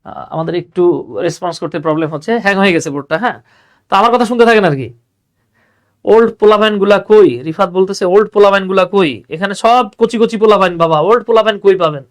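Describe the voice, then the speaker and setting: A man's voice: high-pitched, fast talker. A young man teaches English grammar in an online class, chatty and full of little affirmations. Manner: chatty, repeats "হ্যাঁ", mixes English terms into Bengali.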